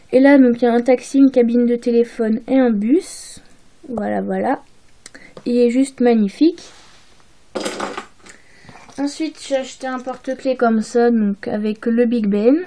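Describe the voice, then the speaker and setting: A young woman talks through her souvenirs in a casual home haul video. She hesitates often, filling gaps and restarting phrases. Her voice sits a little high yet sounds soft and mellow. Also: a little hiss or hum. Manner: hesitant, many fillers and restarts. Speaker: vlogger.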